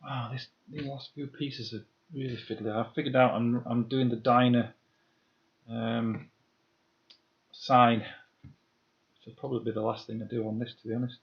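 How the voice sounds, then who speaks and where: A man in his fifties talks easily through a live-stream build, half to himself and half to his viewers. His voice sits at an ordinary middle pitch. The sound is a little dull and lo-fi. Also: level tone, normal speed, gravelly, long pauses. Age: 50s. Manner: chatty, muttering to himself, reading out viewer comments. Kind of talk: casual live-stream chat while building.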